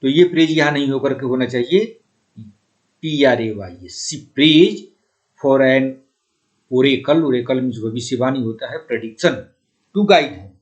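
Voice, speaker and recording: A man's voice: mid-range voice, highs cut off. A man with an Indian accent teaching an exam-prep English lesson, switching between Hindi and English and repeating the key words. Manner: slow and deliberate when reading English sentences aloud.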